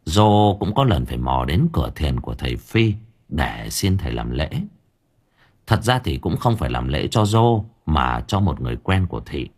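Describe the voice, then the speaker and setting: Lively husky male storyteller. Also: extremely low pitch, moderate pace. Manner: colloquial, wry and lively storytelling. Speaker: audiobook narrator. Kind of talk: storytelling narration.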